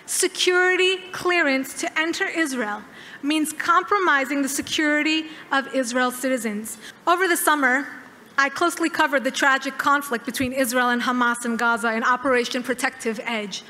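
Bright-voiced woman giving a keynote. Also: high voice. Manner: measured, emphatic, with dramatic pauses. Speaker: keynote speaker. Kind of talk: formal keynote speech. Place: large dark hall, at a podium. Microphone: podium microphone. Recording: hall reverb.

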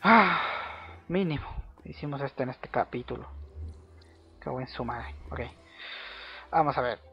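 A man giving casual gameplay commentary as a video host, chatting to himself and repeating words in quick bursts while he plays. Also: a little high. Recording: slightly dull lo-fi audio with faint music.

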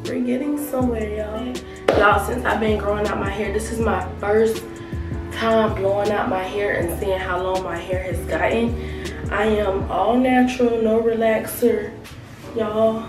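A woman's voice: medium pitch, steady tone, a little slow, distant mic. A young woman talks casually to the camera, her voice a little affected by being sick. She takes her time and repeats phrases for emphasis. The sound is roomy and set back from the mic in a small bathroom, with music playing behind her. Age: young adult. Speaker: natural hair vlogger. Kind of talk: casual tutorial chat to camera. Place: small tiled home bathroom, indoors. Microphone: camera mic a short distance away.

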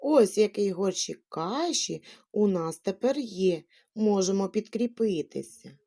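A woman gives a children's lesson in a gentle, sing-song way. Her voice is mellow and warm, and her pitch swoops up and down a lot. She takes her time over every word. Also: lively intonation, a little slow. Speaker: teacher.

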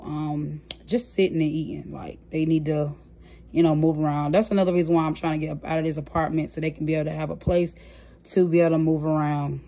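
A woman with a deep voice casually chats her way through a grocery haul, listing items in a relaxed manner with fillers. She's off camera at home, holding her phone to film the items as a vlogger.

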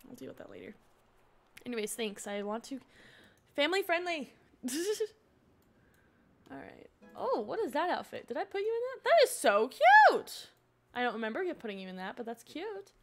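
A woman's voice: fairly high pitch, normal speed, gravelly, pauses often, a little hiss or hum. A young woman streaming a life-sim game from home, chatting casually with her viewers and reacting as she plays. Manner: chatty and excitable, reading chat aloud. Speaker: Twitch streamer. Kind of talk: casual gameplay streaming chat.

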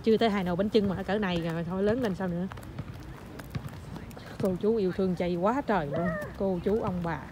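A young mother talks to her viewers in a chatty, teasing way while she follows her small child around an outdoor playground. Her voice sits at an ordinary pitch for a woman. It is picked up by a handheld phone, with clear outdoor noise behind her. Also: brisk. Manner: chatty, teasing running commentary, mixing in English phrases. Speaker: mother filming her toddler at a park. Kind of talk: casual vlog narration to viewers. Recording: noisy outdoor phone recording.

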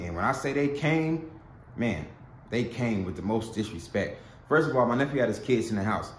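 A man's voice: medium pitch, echoey room, slight background noise. A young man vlogging in casual street slang, tagging "man" onto nearly every phrase. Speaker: YouTuber. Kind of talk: vlog intro and recording a confrontation.

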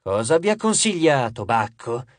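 A man voicing a sleepy, mocking earth goddess in an audiobook, with a low, slow, hissing murmur and a husky edge. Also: very animated, no room sound. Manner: slow and taunting. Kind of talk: audiobook character voice.

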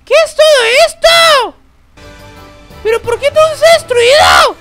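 A performer voicing Bebe Timo, an excitable, dramatic baby boy with squeaky, shrieking outbursts, in a Minecraft role-play. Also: moderate pace, over music. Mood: excited. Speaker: host.

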